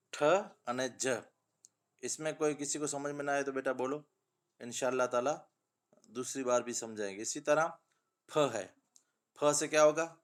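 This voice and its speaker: Male teacher tinged speech, patient, sing-song, calls pupils "beta". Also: mid-range voice. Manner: addresses pupils as beta, asks and answers own questions. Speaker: Urdu teacher. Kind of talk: children's reading lesson.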